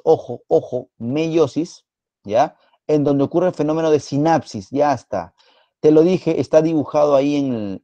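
A man with a Peruvian Spanish accent teaching a live online biology exam-prep class, quizzing students in a playful, teasing way and repeating words rapidly. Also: medium pitch, warm tone, no echo, highs cut off.

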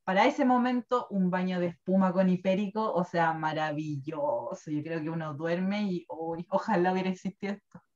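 A woman's voice: lowish voice, normal speed, hardly any pauses. Chatty Chilean woman on a dull recording. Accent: Chilean Spanish. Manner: chatty and animated, laughs often, tells things with feeling. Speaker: guest presenting wellness products. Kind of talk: casual chat.

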